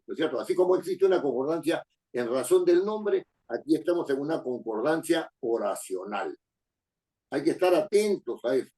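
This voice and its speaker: A man's voice: a little high, dark tone, rough recording. An older man from Peru giving a classroom lecture, emphatic, repeating phrases and checking that students follow.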